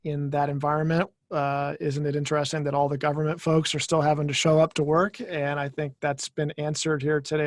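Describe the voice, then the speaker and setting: Gravelly, flat-toned man explaining. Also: fairly high pitch, dry recording. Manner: measured, explanatory, with repeated words and fillers. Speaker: attorney presenting a webinar. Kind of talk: professional webinar talk.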